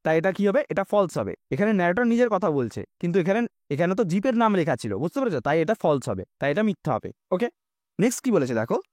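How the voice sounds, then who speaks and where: Male teacher, Bengali accent, patient explainer, high animated pitch. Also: fast, no room sound, clean studio sound. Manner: explaining patiently, keeps asking "understood?". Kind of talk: exam-prep English lesson.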